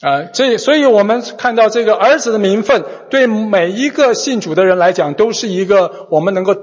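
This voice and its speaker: A man with a high, breathy voice interprets a sermon phrase by phrase, speaking a little fast but hesitantly, with many fillers and restarts. The recording sounds dull and comes from a large echoing hall.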